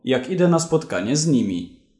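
A man's voice: mid-range voice, sing-song, normal speed, dark tone, lightly acted. A man voicing a smug, self-satisfied former bank manager turned crook in a read-aloud story. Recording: roomy echo.

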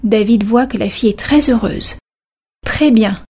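Breathy woman reading a story slowly. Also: fairly high pitch, dark tone. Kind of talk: scripted story narration.

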